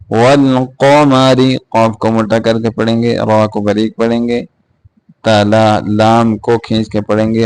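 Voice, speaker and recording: A man with an Urdu accent teaching Quran recitation word by word, chanting each phrase slowly and then giving quick tajweed pointers. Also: fairly low pitch, gravelly, a little mellow, smooth, poor audio. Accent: Pakistani Urdu.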